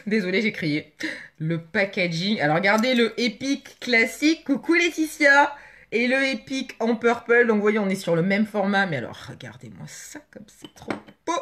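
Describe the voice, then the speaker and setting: A woman chatting casually with viewers on a live makeup stream, excitable and gushing, greeting people by name. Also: mid-range voice, normal speed.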